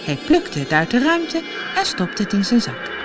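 A woman from the Netherlands reading a children's audiobook aloud with expressive storytelling. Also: a little high, moderate pace, over music. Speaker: storybook reader.

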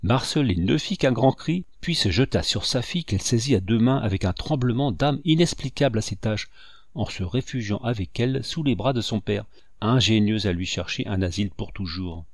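A man reading a classic children's book aloud in measured, expressive narration. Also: fairly low pitch, no echo, studio quality. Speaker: audiobook reader.

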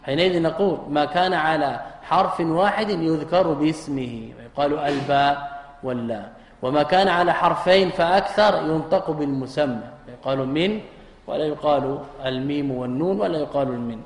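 Sheikh teaching grammar in an echoey hall. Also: male voice, on the high side, a little fast. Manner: rhetorical questions, repeats key terms. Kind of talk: recorded classroom lesson.

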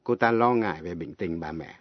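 A man teaching an English lesson on the radio, speaking slowly and spelling words out letter by letter. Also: sits low, no room sound. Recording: dull lo-fi radio broadcast.

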